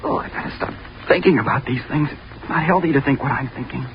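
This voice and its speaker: An actor playing an earnest, obsessive, rejected young college student, hesitant and intense, in a 1930s radio drama. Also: male voice, medium pitch, fast talker, close to an everyday voice. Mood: tormented. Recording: dull, very noisy 1930s radio recording.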